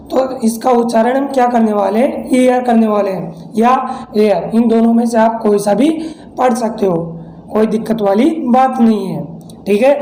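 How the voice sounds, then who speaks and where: A man's voice: very high voice, warm tone, roomy sound, slight background noise, rough recording. A man from India teaching English pronunciation in a lesson, explaining step by step and answering his own questions. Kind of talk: classroom-style lesson explanation.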